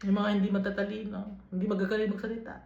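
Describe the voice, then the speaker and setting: A woman with a Filipino accent leading a Bible study, reading verses aloud and then explaining them in an unhurried way, switching between English and Tagalog. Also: medium pitch, level tone, gravelly, a little mellow. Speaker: Bible teacher. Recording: dull, lo-fi recording in an echoey room.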